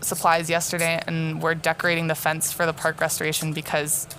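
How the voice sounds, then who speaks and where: A woman's voice: sits low, completely flat delivery, a little fast, a bit bright, a little hiss or hum. A young adult woman co-hosting a podcast, chatting casually and playfully with frequent laughter. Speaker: podcast co-host. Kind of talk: casual chat.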